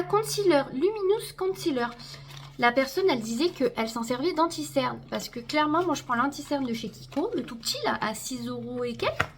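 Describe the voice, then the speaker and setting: A woman's voice: on the high side, slight background noise. A woman chatting casually to her viewers as she unboxes a makeup haul, talking to them directly and trailing off with fillers. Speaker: beauty vlogger.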